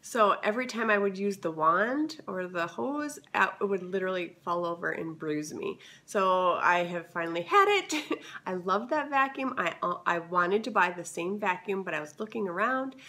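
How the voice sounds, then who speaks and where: A woman's voice: mid-range voice, expressive, moderate pace, pushed and bright. Chatty woman with a scratchy voice. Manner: chatty and enthusiastic, many fillers. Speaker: vlogger. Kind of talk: casual haul video.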